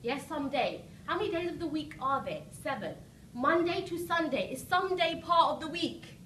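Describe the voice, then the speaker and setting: Woman motivational coach, emphatic n rousing, high voice, echoey noisy seminar recording. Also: expressive, moderate pace, bright, forceful tone. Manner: rousing, emphatic, checks in with short questions. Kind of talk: motivational seminar speech to a live audience. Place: live seminar room with audience. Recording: roomy echo, distant mic, noisy background.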